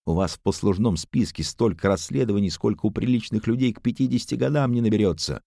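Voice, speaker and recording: Give me a man voicing a blustering middle-aged swindler with a dark gravelly edge. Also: lowish voice, fast talker, no echo, studio quality, pitched above the performer's own voice. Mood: indignant. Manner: theatrical, shouting accusations.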